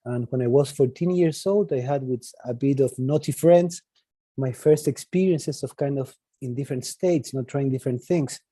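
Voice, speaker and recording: A Chilean man in his forties speaks in an informal, conversational talk, with a Chilean accent from his native Spanish. His voice is very dark and relaxed, with a husky grain. He often ends phrases on a questioning tag, and the sound is dry and close. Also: medium pitch, moderate pace, no room sound. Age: 40s. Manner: tags sentences with a questioning "no?". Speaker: guest speaker.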